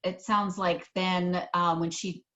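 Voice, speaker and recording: A woman's voice: lowish voice, level tone, takes it slowly, sharp tone. A woman moderating a webinar, reading out audience questions with some ums. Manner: reads questions with um fillers. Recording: dull lo-fi web audio.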